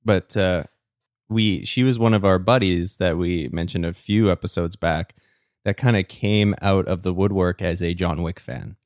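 Low-voiced man with a strained voice. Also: moderate pace, dry recording, clean studio sound. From Canada. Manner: relaxed, rambling storyteller. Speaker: podcast co-host. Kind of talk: casual chat.

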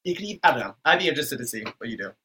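A man's voice: mid-range voice, sing-song, rapid-fire, sharp tone, a little hiss or hum. A man who is a drag queen, talking as a podcast guest in a rambling, slang-heavy way. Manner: rambling and slangy, full of "like" and "it's giving". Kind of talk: casual interview chat.

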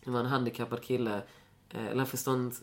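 A woman's voice: extremely low pitch, flat delivery. A young woman in casual chat as a podcast guest, rambling with many fillers and swearing freely.

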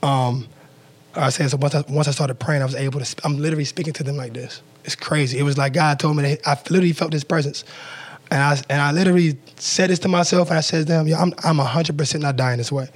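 A man's voice: on the high side, steady tone, fast talker. A man, a former pro football player, telling a story as an interview guest in loose, casual talk full of "like" fillers and acted-out quotes.

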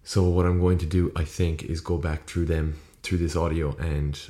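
A man's voice: very deep voice, level tone, moderate pace, mellow. A young Irish man hosting a solo podcast in a casual, rambling, sweary way, recorded on a podcast microphone in an echoey room. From Ireland. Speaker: podcast host. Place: small room, indoors. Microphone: USB podcast microphone. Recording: echoey room with poor acoustics.

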